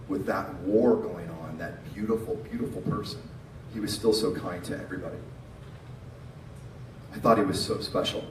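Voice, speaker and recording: A middle-aged man speaks at a funeral in a fairly low voice, giving a tender, informal eulogy. His delivery falters, with pauses and repeated words. He is heard at a distance from the microphone in an echoey space, with clear background noise. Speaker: eulogist, friend of the deceased.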